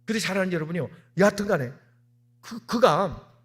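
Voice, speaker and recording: A man, the senior pastor, preaching an animated sermon in a church, repeating key words and acting out stories. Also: high-pitched, brisk, husky. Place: church sanctuary.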